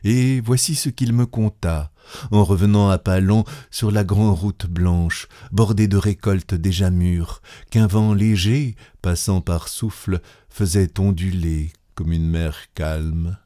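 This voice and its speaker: A man reading a literary story aloud in a measured, grave manner. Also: low-pitched, steady tone, dark tone. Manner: slow, measured, grave delivery. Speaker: narrator.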